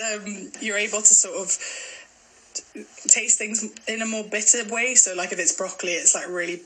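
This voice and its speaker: Her voice is medium-pitched, pushed and bright with a breathy edge, caught on a low-quality recording. She's a woman in her twenties from Glasgow, Scotland, with a mild mixed accent, giggling and trailing off with fillers as she co-hosts a casual podcast.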